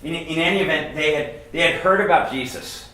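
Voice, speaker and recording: Man preaching, bright tone, kinda high, stops every line for translation, big church echo. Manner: storytelling, pauses line by line for the interpreter. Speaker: guest pastor. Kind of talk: sermon with live interpretation. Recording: very echoey church hall.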